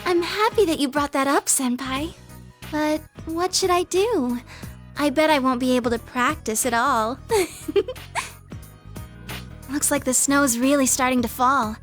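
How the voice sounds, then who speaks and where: A woman's voice: high voice, unhurried, long pauses, a bit bright. Shy teenage schoolgirl. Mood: wistful. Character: shy gentle teenage schoolgirl, polite junior. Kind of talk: video game voice acting. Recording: game audio with background music.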